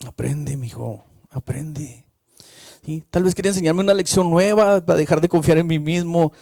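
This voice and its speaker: A man, preaching a sermon from the pulpit. He keeps checking in with the congregation and builds to loud, repeated phrases. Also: high voice, steady tone, fast talker, no room sound, studio quality. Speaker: minister.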